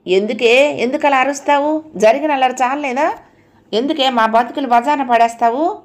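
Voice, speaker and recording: A woman's voice: high voice, normal speed, pitched above the performer's own voice, lightly acted. A woman doing a scolding anxious mother. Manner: harsh, scolding. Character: distressed scolding middle-aged mother.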